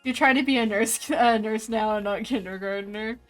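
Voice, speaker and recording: A woman's voice: a little high, normal speed. A woman in her twenties chatting casually with her stream viewers while drawing, reading their messages aloud and laughing often. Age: 20s. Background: faint background music.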